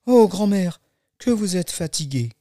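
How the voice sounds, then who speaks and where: A man voicing a polite, innocent little girl in a storybook, high and light, with wide-eyed exclamations. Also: lively intonation, a little slow, mellow, no echo, clean studio sound. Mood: sweetly polite.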